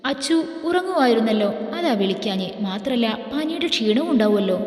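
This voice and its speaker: A woman voicing a tender young husband and father who talks softly and scolds gently, recorded in an echoey room. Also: very high voice, very animated, a little fast. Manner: soft, caring, gently scolding. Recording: echoey room with long reverb.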